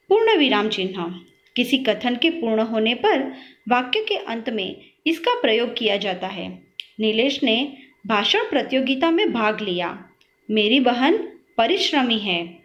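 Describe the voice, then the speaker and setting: A woman teacher talks through a recorded grammar lesson at an unhurried, careful pace, her fairly high voice rising and falling a lot as she reads out example sentences. The recording is dull and lo-fi. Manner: slow, clear, explanatory teaching with read-out examples. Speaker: school teacher.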